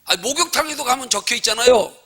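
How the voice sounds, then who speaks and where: Male pastor for a church Bible study. Very high, husky voice. Emphatic and conversational, with loud urging and hushed asides. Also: expressive, fast. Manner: conversational, asks rhetorical questions.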